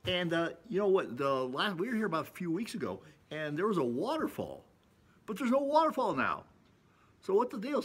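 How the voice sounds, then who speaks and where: An older man hosts a casual vlog, filming himself on a phone held at arm's length outdoors in a shaded rocky canyon. His voice is on the high side, gravelly and a bit bright, and he rambles in a folksy, self-amused way with slight background noise.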